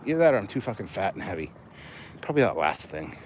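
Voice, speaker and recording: A man livestreams as he strolls outdoors through city streets, rambling, cracking jokes and swearing. He talks fast in a lowish, darkish voice with big swings in pitch. Passing cars make the street audio noisy.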